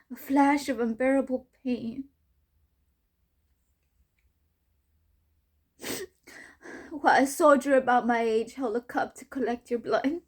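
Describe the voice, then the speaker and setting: A woman's voice: a little high, darkish tone, slightly rough. A woman performing a monologue as a young mother, a former child soldier, grieving her baby, tearful and often dropping to a whisper. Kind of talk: dramatic monologue rehearsal.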